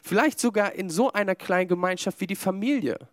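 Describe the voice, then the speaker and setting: High-voiced man preaching a sermon. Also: quick pace, dry recording, clean studio sound. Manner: conversational, with fillers and humorous asides to the congregation. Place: small church congregation.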